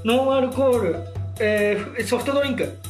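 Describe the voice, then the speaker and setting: A young man co-hosting a casual comedy game chat, playful and quick to laugh, fumbling for words as he explains. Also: very high voice, reverberant, soft background music. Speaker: podcast co-host.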